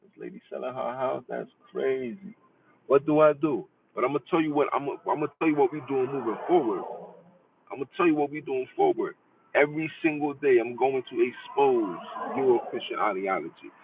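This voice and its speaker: A man's voice: mid-range voice, fairly quick, gravelly. A man delivers a passionate, preachy podcast monologue, repeating his lines for emphasis. He sounds distant and tinny, like a phone recording, with a faint hiss underneath. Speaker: podcast host. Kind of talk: impassioned livestream monologue.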